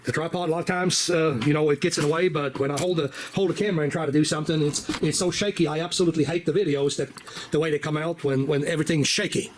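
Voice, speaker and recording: Mechanic, man, higher-than-usual voice, easygoing rambling shop talk, faint shop noise. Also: fast talker. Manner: relaxed, rambling, many fillers and restarts. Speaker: auto mechanic. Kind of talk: casual how-to repair walkthrough. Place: auto repair shop. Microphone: camera on a tripod.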